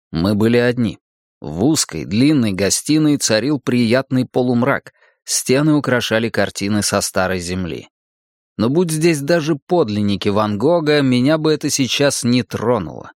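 A man narrating a first-person audiobook in a measured, dramatic reading. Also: medium pitch, animated, no echo, clean studio sound.

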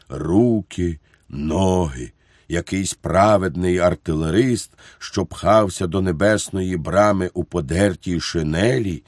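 A man narrating an audiobook in a measured, deliberate reading style. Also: low-pitched, darkish tone, no room sound, studio quality.

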